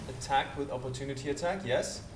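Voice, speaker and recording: A man's voice: mid-range voice, a little fast, heavy background noise. A man hosting a let's play with casual commentary, thinking aloud and talking to the game's characters. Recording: roomy distant voice under loud game music.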